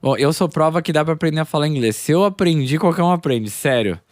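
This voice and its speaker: A man's voice: on the high side, animated, quick pace, no room sound, studio quality. A man hosting a casual podcast, easygoing and self-deprecating, who laughs along with his guest. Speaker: podcast host.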